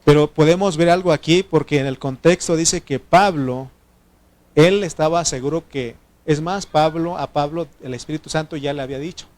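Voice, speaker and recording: A man's voice: a little high, normal speed, darkish tone. A man preaching a sermon, teaching the congregation and checking in with frequent questions. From Mexico. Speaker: pastor.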